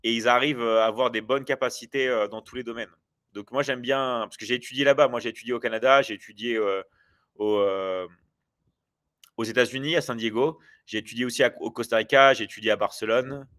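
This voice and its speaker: Chatting loosely with his audience, a livestream host in his forties rambles, hesitating and restarting often. He talks briskly in a steady, medium-pitched voice that is a bit bright.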